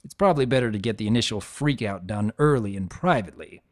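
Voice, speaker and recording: Voicing an easygoing, avuncular adult dragon who tells his own story with wry asides, a fairly low-pitched man reads fan fiction dramatically in the first person. He talks fast and expressively, firm and reassuring, close to an everyday voice, with studio quality and no echo.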